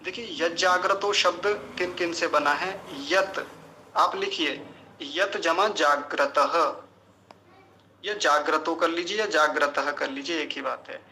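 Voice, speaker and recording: A male teacher giving a pronunciation lesson, sounding each syllable out slowly and carefully and then chanting the verse in a sung tone. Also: a little high, creaky, bright, forceful tone, slight background noise, poor audio. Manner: slow, careful syllable-by-syllable enunciation. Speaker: Sanskrit teacher.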